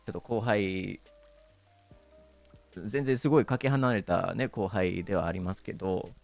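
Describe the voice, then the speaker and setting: A man's voice: medium pitch, a little mellow. A man with a Kansai Japanese accent chatting casually on a stream, hesitant and full of fillers, laughing often.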